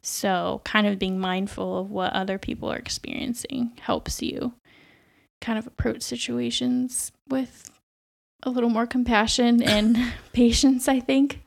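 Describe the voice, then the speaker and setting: A woman's voice: on the high side, fairly even intonation, measured pace, creaky. A young adult woman, a nurse, talking in a reflective, chatty way on a podcast and often laughing. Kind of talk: casual podcast chat.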